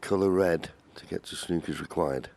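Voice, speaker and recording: A man giving measured, understated live snooker commentary as a match commentator. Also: low voice, vocal fry, a little mellow. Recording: crowd and arena noise behind. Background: snooker arena audience ambience.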